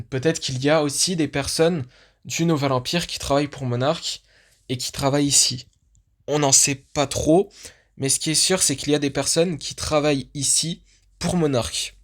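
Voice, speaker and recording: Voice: medium pitch, a little slow. An enthusiastic fan vlogger talks through a film teaser on screen. The delivery is loose and chatty, full of restarts and verbal fillers, and recorded at a home desk microphone. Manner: chatty, thinking aloud with many restarts and fillers. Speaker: YouTube channel host. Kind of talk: casual commentary on a film teaser.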